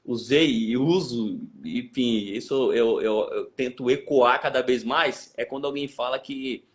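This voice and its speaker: In a measured, mid-range voice, a Brazilian Portuguese-accented man hosts a podcast interview. He works through ideas aloud, thoughtful and a little hesitant.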